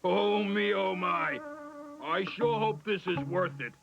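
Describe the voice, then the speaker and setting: An actor playing a sly, hungry, excitable male wolf in a cartoon, heard from a worn tape copy. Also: high voice, slow, vocal fry, full character voice. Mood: gloating. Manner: gleeful, wheedling, cackling. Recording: dull worn VHS tape with music behind.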